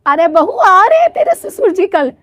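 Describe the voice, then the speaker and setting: A woman's voice: very high-pitched, very animated, a little slow, no room sound, clean studio sound, voice pushed up, full character voice. A woman voicing a bossy, drawling older mother-in-law in a comic story.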